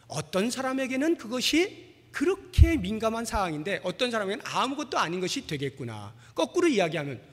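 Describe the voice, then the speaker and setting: In a large church hall with long, echoing reverb, a pastor in his forties speaks in a voice that sits high with a fairly bright tone. His sermon leans on personal anecdotes, delivered in a chatty, self-deprecating manner.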